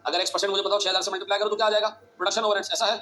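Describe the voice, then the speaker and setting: A male teacher giving a classroom lecture, talking fast and urgently, repeating phrases and quizzing his students. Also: sits high, little pitch movement, pushed and bright, a little hiss or hum.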